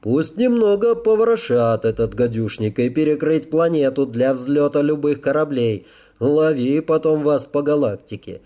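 A man playing a hard-edged commander in an audiobook, talking in a curt, brusque way. The voice sits higher and louder than the reader's plain narration, and its tone stays dark and mellow. The menace is cold and clipped rather than shouted. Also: expressive, normal speed, muffled recording, close to an everyday voice. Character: hard, commanding male leader, coldly menacing.

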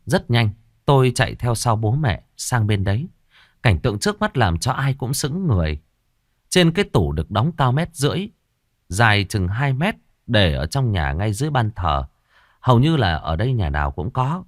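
Lively male ghost-story narrator. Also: mid-range voice, normal speed, no echo, studio quality.

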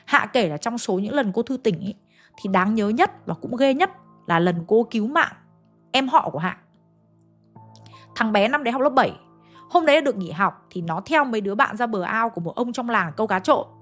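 A woman's voice: fairly high pitch, lively intonation, normal speed, fairly bright tone, faint music behind. A woman narrating a ghost story, chatting directly to her listeners.

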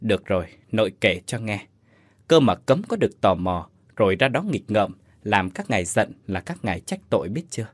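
A man voicing an old grandmother who gently scolds a child while agreeing to tell a story. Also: on the low side, sing-song, moderate pace, no echo. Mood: gently scolding. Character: stern but tender old grandmother.

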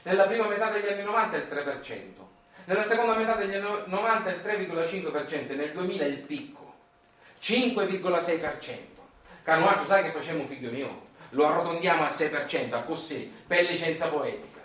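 Playing a bitter, anguished rural Sicilian father, this actor declaims an incantatory monologue full of emphatic repetition, his tone one of bitter irony. He speaks quickly and animatedly in a fairly high, slightly bright voice with a Sicilian accent, captured in a roomy, distant stage recording with music.

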